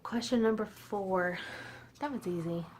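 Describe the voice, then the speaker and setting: A woman's voice: mid-range voice, measured pace, a little mellow, a little hiss or hum. A woman in her forties chatting casually and a little tipsy to her viewers at home, laughing often. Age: 40s. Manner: chatty, laughing, self-deprecating. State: slightly tipsy. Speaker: vlogger. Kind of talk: casual tipsy chat to camera.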